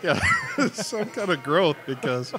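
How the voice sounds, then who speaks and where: A man's voice: on the high side, lively intonation, slow, over loud music. A middle-aged man co-hosting a beer show in a studio, cracking self-deprecating jokes and laughing often. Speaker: co-host, sales and marketing. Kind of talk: casual comedic chat.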